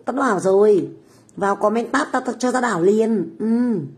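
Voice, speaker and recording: She talks at normal speed with a medium pitch. A middle-aged Vietnamese woman who runs a food stall, she livestreams from a home kitchen abroad and chats casually with viewers, brash, foul-mouthed, and taunting.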